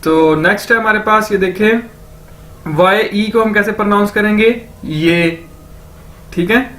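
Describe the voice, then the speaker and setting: A man teaching a vocabulary lesson, asking a question and then answering it himself, repeating each word slowly several times. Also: high voice, fairly even intonation, pushed and bright. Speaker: language teacher.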